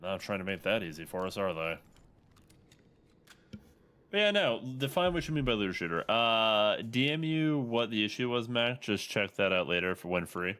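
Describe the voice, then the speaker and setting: Casting: male livestreamer, lowish voice, informal, chatty gameplay commentary, thinking aloud. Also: lively intonation, moderate pace, fairly bright tone, clean tone. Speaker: video game streamer. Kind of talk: casual livestream gameplay commentary, talking to chat.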